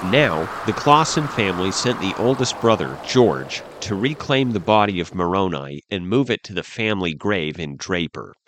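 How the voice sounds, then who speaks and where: A man narrating a dark history tale in a measured, suspenseful way. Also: deep voice, animated, noisy background. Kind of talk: dramatic history storytelling. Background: faint music.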